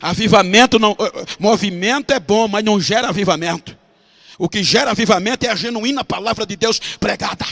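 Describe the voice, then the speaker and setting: Brazilian pastor, high bright gravelly voice, swings from hush to shouting. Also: male voice, a little fast. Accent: Brazilian Portuguese. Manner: swings from hushed storytelling to shouted climaxes. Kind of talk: dramatic preaching sermon.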